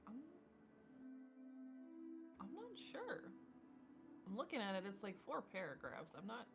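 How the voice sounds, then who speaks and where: A woman's voice: medium pitch, wildly swooping pitch, measured pace, creaky, over music. A woman playing a tabletop game, talking in a chatty, rambling, playful way. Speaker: player. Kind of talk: casual tabletop play.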